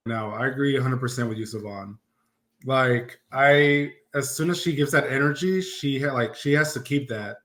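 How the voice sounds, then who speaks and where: Man, podcast co-host, earnest, agreeable, mid-pitched. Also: normal speed, fairly bright tone. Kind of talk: casual chat.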